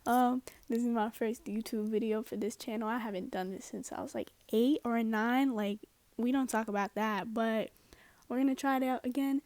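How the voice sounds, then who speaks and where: A young woman from Japan chatting casually through a get-ready-with-me story time, slangy and upbeat with quick asides. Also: a little high, fairly even intonation, a little mellow, dry recording. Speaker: vlogger.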